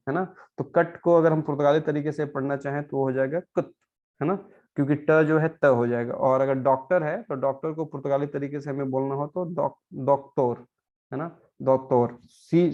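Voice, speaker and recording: A man's voice: fairly high pitch, steady tone, darkish tone. Patient man teaching pronunciation, lo-fi. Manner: patient, repeats words slowly and adds frequent "है ना" checks. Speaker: Portuguese language teacher. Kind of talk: classroom pronunciation lesson.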